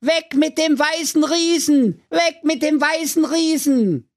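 An angry shrill crowd. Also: male voice, takes it slowly, heavily acted. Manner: shouted protest chants. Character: angry grumbling crowd of common folk.

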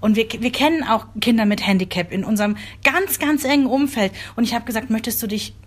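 A woman chatting casually as a mother, expressive and quick to laugh. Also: fairly high pitch. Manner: expressive, laughs easily, frequent agreeing fillers. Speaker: podcast co-host, mother. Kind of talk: casual chat.

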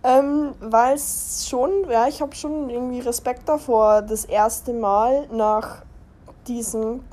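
Slow and warm, with a high-leaning, steady voice, a young German woman talks casually as the host of a personal podcast. She giggles and chats, drifting along and interrupting herself as she speaks.

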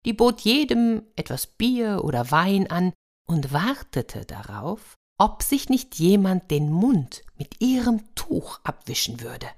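A woman narrating a fairy tale for an audiobook in a lively way, speaking to her listeners. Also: medium pitch, slow. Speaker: storyteller.

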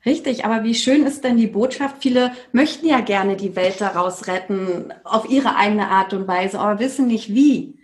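A woman's voice: mid-range voice, normal speed, hardly any pauses. A woman, a yoga teacher, speaking as a podcast guest in an earnest, reflective way with many hesitant fillers. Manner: earnest and reflective, with frequent "ähm" fillers and repetitions. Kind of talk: casual conversational interview.

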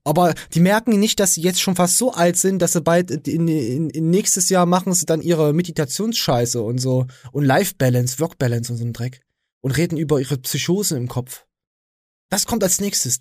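A man's voice: fairly high pitch, brisk, a little mellow, no echo, clean studio sound. A young man with an East German accent hosting a casual podcast, ranting crudely and mockingly. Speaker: podcast host.

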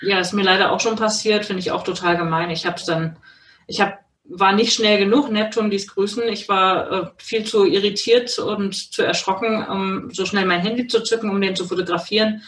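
A woman's voice: mid-range voice, steady tone, normal speed, fairly bright tone, a little hiss or hum. Woman chatting, distant and echoey. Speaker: podcast co-host, astrologer. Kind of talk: casual chat.

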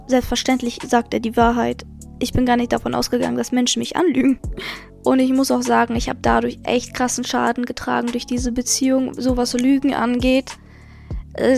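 Her voice fairly high and creaky, a young podcast host speaks candidly about a personal experience and offers straightforward, blunt advice to her audience.

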